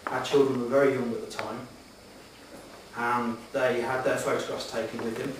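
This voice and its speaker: A middle-aged man speaks earnestly and a little hesitantly, answering formal interview questions. His voice rings around a very echoey hall, picked up from a distance with clear noise behind it. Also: medium pitch, level tone, normal speed. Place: echoey meeting room, addressing the room.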